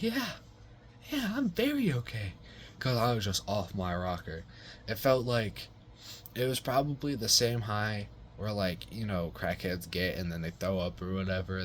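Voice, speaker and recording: A man's voice: low voice, fairly bright tone, slight background noise. A young man casually telling a rambling personal story, full of swearing, slang and fillers.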